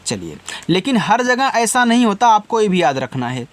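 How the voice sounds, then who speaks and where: A man teaching English words letter by letter, spelling slowly, then explaining patiently and answering his own questions. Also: high voice, sing-song. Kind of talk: Hindi-language spelling lesson.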